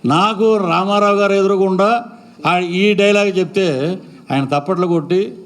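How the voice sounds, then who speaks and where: A middle-aged man, his voice sitting a touch high, talks from a stage at a film event. He rambles warmly from one name to the next and slips into short acted-out bits of dialogue. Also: moderate pace. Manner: rambling, praising, acts out dialogue lines. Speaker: actor speaking at a film event. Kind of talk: stage speech at a pre-release event.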